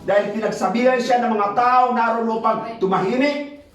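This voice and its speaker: A man preaching a sermon, switching between Tagalog and English and reading scripture aloud, emphatic and swinging between quick urging and slow drawn-out phrases. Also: extremely high pitch, a bit bright. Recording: very echoey hall, mic far off.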